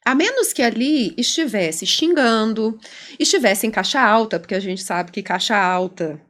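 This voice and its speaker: Lively Brazilian woman psychologist explaining. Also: fairly high pitch, normal speed. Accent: Brazilian Portuguese. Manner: animated, explanatory, acts out quoted dialogue. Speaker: clinical psychologist, guest. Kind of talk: conversational podcast interview.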